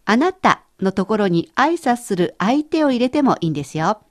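A woman's voice: fairly high pitch, big pitch swings, moderate pace, a little mellow. A woman co-hosting a scripted language lesson, explaining phrases in a conversational way. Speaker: language teacher co-host.

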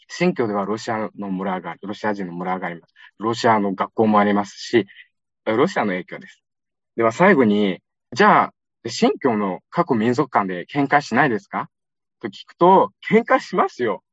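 A man's voice: lowish voice, animated, moderate pace, breathy edge, dry recording, muffled recording. A young man from Xinjiang, China, giving a chatty public lecture and often turning to his audience with asides. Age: young adult.

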